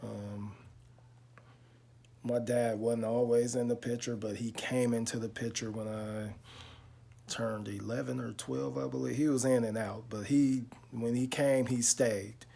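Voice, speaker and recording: A man, talking slowly and reflectively to his viewers in a casual vlog, with lots of pauses and fillers. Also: mid-range voice, steady tone, vocal fry, mellow. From Chicago. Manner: slow, reflective storytelling with many pauses and fillers. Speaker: car vlogger. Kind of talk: casual talk to camera.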